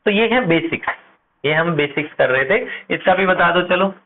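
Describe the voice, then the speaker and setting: A man teaching chemistry at a board, asking his class questions and answering them himself, slowing down to spell out compound names. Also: high voice, lively intonation. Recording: tinny phone-like audio with faint noise.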